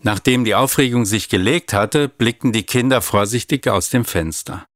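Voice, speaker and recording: A man calmly reading a children's story aloud. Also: mid-range voice, moderate pace, dry recording, clean studio sound. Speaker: narrator.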